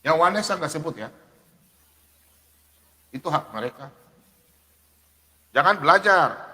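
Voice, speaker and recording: An emphatic man with a high, lively voice preaches off the cuff on a livestream. He fires rhetorical questions, reels off verse references and speaks of himself in the third person. The sound carries a long room reverb. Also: a little slow. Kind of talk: unscripted live preaching, reading scripture.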